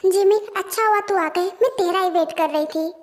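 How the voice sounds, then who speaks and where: A woman putting on a hot-headed young female boss from a fan-made audio story. The voice is very high, and she scolds and complains bluntly. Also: moderate pace, darkish tone, soft background music. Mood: ranting. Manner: scolding, ranting.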